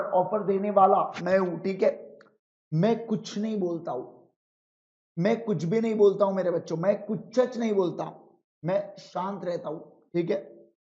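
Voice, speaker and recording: A man teaching law in an online exam-prep lecture, calling students "my children", asking check questions, and reading rules slowly. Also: high voice, warm tone. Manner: reads legal rules slowly and with emphasis. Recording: dull lo-fi sound.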